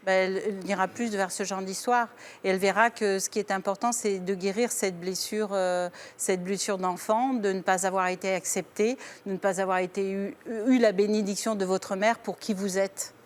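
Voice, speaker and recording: Woman, gentle, reflective, counseling tone, faint studio noise. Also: medium pitch, steady tone, moderate pace, few pauses. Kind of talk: therapeutic commentary.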